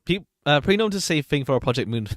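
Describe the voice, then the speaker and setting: A man's voice: on the high side, sing-song, fast, fairly bright tone, no room sound, clean studio sound. A man giving casual livestream commentary as a streamer, chatty and hesitant as he thinks aloud. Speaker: streamer reacting to game trailers.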